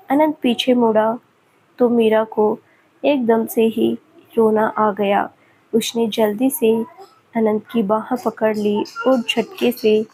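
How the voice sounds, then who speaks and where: A woman narrating a romance story slowly and deliberately. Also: fairly high pitch, warm tone, a little hiss or hum, low-quality recording.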